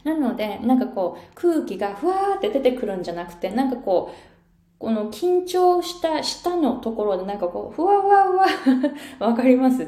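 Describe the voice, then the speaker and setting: A woman English pronunciation coach giving an online lesson in an animated, coaxing way, often acting out sounds as she explains. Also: fairly high pitch, echoey room.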